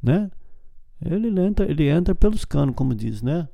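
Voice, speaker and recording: A man delivers an informal, exhorting sermon, circling back to the same phrases and tossing in tag questions. His voice is very dark and gravelly. It sits a little high for a man and is recorded close and dry. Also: very animated, normal speed, dry recording. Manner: exhorting, repetitive, asks "né?" and "tá?" often. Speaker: preacher.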